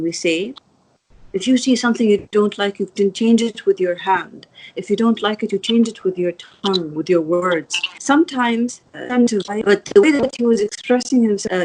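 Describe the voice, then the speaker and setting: A woman's voice: medium pitch, darkish tone, slight background noise, poor audio. A woman from the Emirates, a guest in an interview, speaking earnestly with many restarts and apologies. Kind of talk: video interview.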